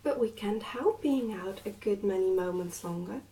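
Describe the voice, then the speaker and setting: A woman voicing an excited, carefree little princess from a storybook, chattering and exclaiming eagerly. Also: medium pitch, normal speed, distant mic, natural voice, rough recording.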